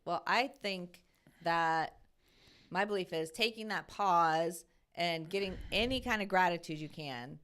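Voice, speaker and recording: Smooth-voiced woman, podcast co-host. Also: fairly low pitch, measured pace, a bit bright. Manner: encouraging, frequent agreeing. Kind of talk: casual chat.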